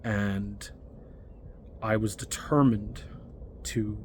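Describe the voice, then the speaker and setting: A man in his thirties from Long Island, New York, telling a personal story in a reflective, halting way with many fillers. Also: fairly low pitch, fairly even intonation, slight background noise.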